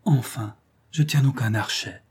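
A man's voice: medium pitch, measured pace, husky. A man voicing a bold, cheeky poor kitchen boy in a storybook reading. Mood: eager. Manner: eager, cheeky.

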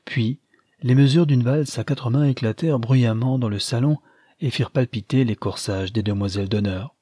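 A man narrating a classic novel as an audiobook, measured and expressive. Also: medium pitch, breathy edge, no echo, studio quality.

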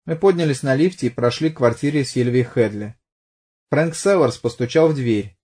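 A man reading a detective novel aloud in measured, even narration. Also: medium pitch, husky. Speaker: audiobook narrator.

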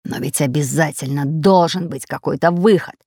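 Woman voicing a gruff pirate captain. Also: low voice, normal speed, a little mellow, no room sound, studio quality. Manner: gruff, commanding. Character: fat red-bearded bossy pirate captain. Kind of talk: audiobook character voice.

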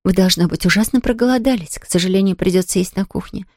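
A woman's voice: medium pitch, quick pace, darkish tone, dry recording, clean studio sound, close to an everyday voice. A woman reading an audiobook, voicing a flustered, kind-hearted young housemaid who frets and exclaims. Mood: apologetic. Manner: fussing, anxious, exclaiming.

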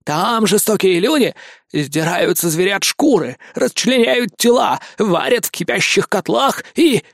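Squeaky, self-important scholar rat voiced by a man; shrill and swooping. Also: animated, a little slow, gravelly, no room sound, studio quality, exaggerated voice. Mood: ominous.

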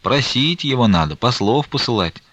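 A man reading the part of a stern, grieving old merchant, talking in a slow, weighty, reproachful way. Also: mid-range voice, animated, fairly bright tone, no echo, voice pushed up.

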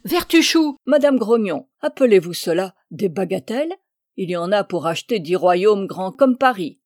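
A woman's voice: mid-range voice, expressive, moderate pace, warm tone, no room sound, clean studio sound, close to an everyday voice. Woman voicing a greedy, brusque old king. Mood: commanding.

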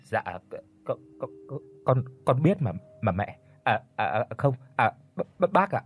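A man voicing a brash young scheming secretary in a spoken story, stammering at times, with a husky voice. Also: medium pitch, sing-song, a little slow. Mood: flustered. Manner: stammering, then cheeky.

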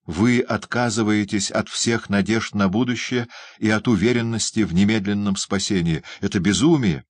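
A gentle, kind young lady speaks earnestly, trying to persuade, in a storybook reading, voiced by a man. The voice is very low and dry, recorded close without echo. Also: moderate pace, natural voice. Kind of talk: audiobook character reading.

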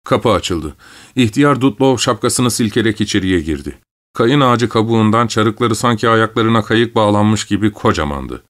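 Calm male audiobook narrator. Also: lowish voice, normal speed.

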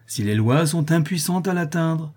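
A man voicing a solemn, reassuring gentleman. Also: fairly high pitch, animated, normal speed, husky, voice pushed up. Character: solemn nobleman, steady protector. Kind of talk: audiobook character reading.

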